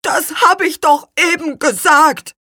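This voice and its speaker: A woman voicing an indignant little male apple man who scolds excitedly. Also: high voice, slow, no echo, clean studio sound, pitched above the performer's own voice, exaggerated voice.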